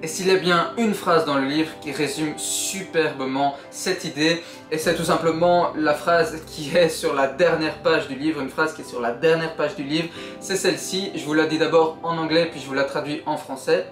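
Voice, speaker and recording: A man's voice: fairly high pitch, steady tone, moderate pace, reverberant, soft background music. A young man summarizing a book in a casual vlog, earnest and encouraging as he speaks directly to the viewer. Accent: Belgian French. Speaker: YouTuber.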